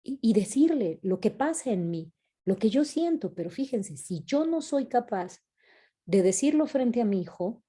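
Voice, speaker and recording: A woman's voice: on the high side, very animated, a little slow, warm tone, slightly rough. A woman giving a conversational talk to parents, often checking in with a questioning "no?". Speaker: speaker at online parents' conference. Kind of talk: lecture to parents. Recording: online video call talk.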